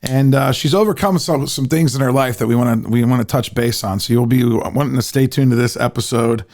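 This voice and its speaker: A man's voice: mid-range voice, fairly quick, a little mellow. A middle-aged man from Ohio hosting a podcast, chatting casually and rambling with lots of fillers. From Ohio, USA. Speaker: podcast host. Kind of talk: casual interview chat.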